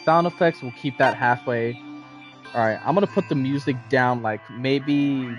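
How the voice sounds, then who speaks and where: A man's voice: mid-range voice, moderate pace, dull audio. A man streaming a game, casually commenting and reading aloud as he plays. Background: faint game music.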